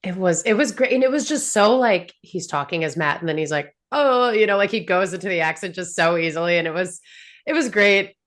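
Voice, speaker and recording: A woman hosting a casual show recap, talking in an animated, chatty way full of fillers and laughs. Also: on the low side, brisk. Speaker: podcast host.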